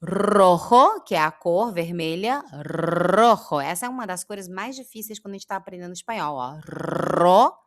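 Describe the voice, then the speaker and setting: A woman with a Brazilian accent teaching pronunciation, drawing out and repeating example words slowly. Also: on the low side, animated. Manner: slow, drawn-out demonstrations of sounds. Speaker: Spanish teacher. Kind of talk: pronunciation lesson.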